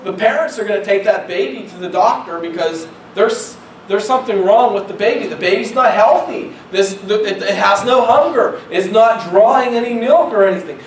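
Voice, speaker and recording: A man's voice: sits high, normal speed, few pauses, roomy sound, recorded from a distance, slight background noise, poor audio. A man preaching as pastor in a church, in a conversational style that repeats phrases and asks the congregation questions. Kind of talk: sermon. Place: church sanctuary.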